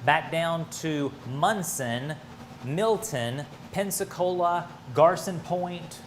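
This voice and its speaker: A man's voice: a little high, slow pace, a little hiss or hum. An American man giving live, ad-libbed severe weather coverage, speaking urgently and emphatically with direct appeals to listeners. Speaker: weather broadcaster.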